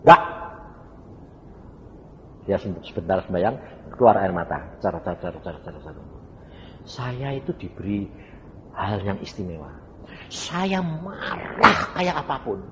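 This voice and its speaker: A man's voice: on the low side, very animated, slow pace, pauses often, muffled recording. A male evangelist, preaching a sermon and telling a story, often asking the congregation questions. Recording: reverberant hall with faint background noise.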